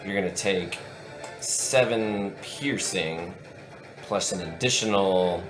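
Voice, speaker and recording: A man running a tabletop game as game master, calling out hits and damage in a relaxed, matter-of-fact way. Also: low-pitched, takes it slowly, music in the background.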